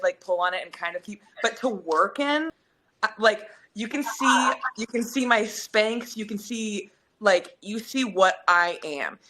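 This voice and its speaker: A woman telling a long story in casual podcast chat, rambling and animated with many fillers. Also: mid-range voice, slight background noise.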